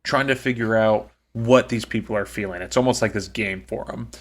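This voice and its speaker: A man's voice: fairly low pitch, fairly even intonation, brisk. A man co-hosting a podcast, recapping a book in a chatty, joking way with lots of ums. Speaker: podcast co-host. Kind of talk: casual book-recap chat.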